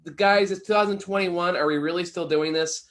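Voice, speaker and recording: A fairly quick, slightly bright, high-sitting male voice with fairly even intonation co-hosts a casual movie review podcast. He is a film reviewer who talks informally, with opinionated and sardonic delivery.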